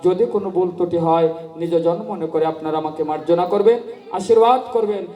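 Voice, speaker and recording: High voiced guy preaching slow and singsongy, heard from across an echoey hall. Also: warm tone, lo-fi sound. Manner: slow, sing-song, rising in fervor. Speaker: kirtan preacher. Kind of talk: devotional storytelling sermon. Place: gathering at a memorial kirtan. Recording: echoey hall, mic from a distance.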